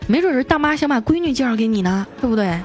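Higher-pitched playful woman radio host. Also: animated, music in the background. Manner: playful, chatty, teasing asides with drawn-out particles. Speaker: radio host reading listener jokes. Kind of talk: lively comic radio reading.

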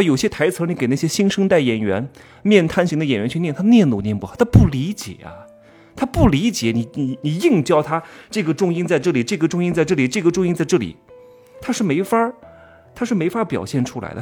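A man's voice: on the high side, slightly rough. Guy lecturing, voice jumps all over, rhetorical questions, faint music behind. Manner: animated, rhetorical questions, stressing words. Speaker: commentator teaching expression. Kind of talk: casual monologue lecture.

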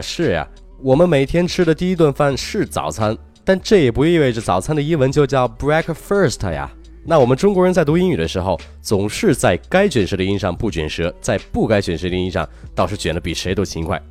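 A man's voice: mid-range voice, darkish tone. A man teaching English pronunciation in a chatty, teasing way, talking straight to the listener. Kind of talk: recorded pronunciation lesson.

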